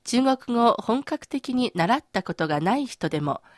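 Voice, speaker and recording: A woman co-hosting a language lesson, saying model syllables slowly and carefully. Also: on the high side, big pitch swings, no room sound, clean studio sound. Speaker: co-host modelling pronunciation.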